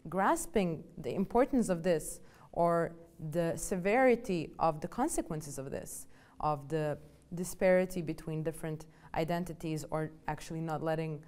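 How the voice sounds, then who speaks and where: Woman interviewer, low mellow voice, long probing questions.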